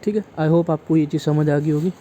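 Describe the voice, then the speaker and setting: A man's voice: a little high, fairly even intonation, fairly quick, warm tone, slight background noise, rough recording. A man teaching a math lesson, explaining step by step and checking in often with the class.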